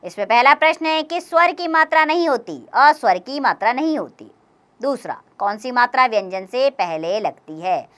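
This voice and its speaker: A woman teaching a grammar lesson for young children, explaining slowly and clearly, step by step. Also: fairly high pitch, animated.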